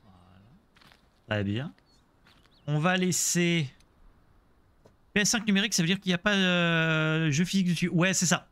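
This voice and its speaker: A man's voice: sits high, moderate pace, long pauses, fairly bright tone, clear, resonant tone, no echo. A man streaming a Let's Play, chatting casually about the game and joking with his viewers. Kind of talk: casual gameplay commentary.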